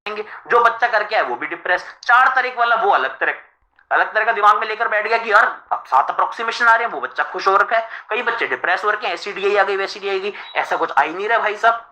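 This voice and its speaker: A man's voice: high-pitched, animated, fast talker, bright, forceful tone, rough recording. A man who teaches for exams, talking casually on a live stream to students, chatty and full of rhetorical questions. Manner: chatty, addresses listeners as friends, rhetorical questions. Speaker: exam coaching teacher.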